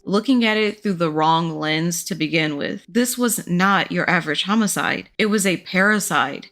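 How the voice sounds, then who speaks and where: Measured woman narrating in a low voice. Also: fairly bright tone. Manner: measured, emphatic explaining. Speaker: host. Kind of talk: scripted narration.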